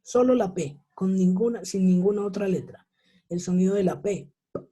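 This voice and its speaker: A woman's voice: medium pitch, normal speed, dark tone, low-quality recording. A woman teaching an online English class in Spanish with a Colombian accent, explaining patiently and often checking in with her students. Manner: patient, explanatory, checks in with frequent tag questions.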